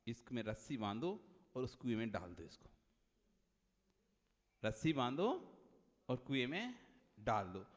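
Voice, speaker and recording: A man playing a smug quack doctor who speaks in a low, hushed, confident tone. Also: very animated, measured pace, pauses often. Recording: long hall reverb.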